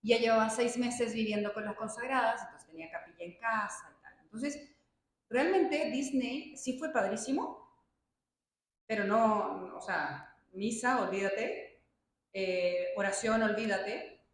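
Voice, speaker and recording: A woman's voice: a little high, measured pace. A woman giving a personal testimony to a group, telling her story in a chatty, anecdotal way with asides. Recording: very echoey room sound.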